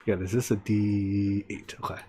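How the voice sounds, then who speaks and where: A man's voice: on the low side, little pitch movement, normal speed, dark tone, husky. A man playing a tabletop game over voice chat, loose and eager, laughing as he talks. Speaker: player.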